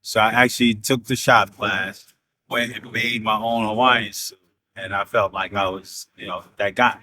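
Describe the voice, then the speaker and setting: A middle-aged man from Trinidad, a fashion brand founder, telling his story in a relaxed, reflective interview. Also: on the low side, normal speed, low-quality recording.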